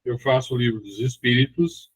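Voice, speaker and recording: A man's voice: medium pitch, fairly even intonation, moderate pace, slightly rough. Friendly man coordinating a meeting. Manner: friendly, brief affirmations. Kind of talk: casual chat, organizing a meeting.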